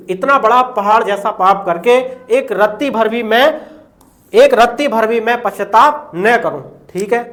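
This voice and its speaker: High-voiced man teaching exam poetry. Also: a bit bright. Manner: repeats "ठीक है" constantly, explains line by line. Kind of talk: exam-prep lesson explaining poetry.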